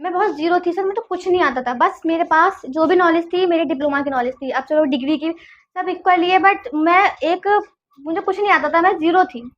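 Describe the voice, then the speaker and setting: Earnest young woman, very high voice. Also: highs cut off. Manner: earnest, halting storytelling. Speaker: guest, junior civil engineer. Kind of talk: casual interview talk.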